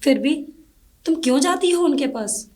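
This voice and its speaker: A woman's voice: high voice, expressive, normal speed, darkish tone. A woman playing a worried middle-aged mother who asks anxious, pleading questions. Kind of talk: low-budget film drama acting.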